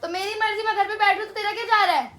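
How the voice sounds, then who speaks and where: A woman's voice: extremely high pitch, steady tone, very fast, crowd noise. A young woman at home, scolding her younger brother and bossing him around in a family argument. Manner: scolding, bossy. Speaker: elder sister.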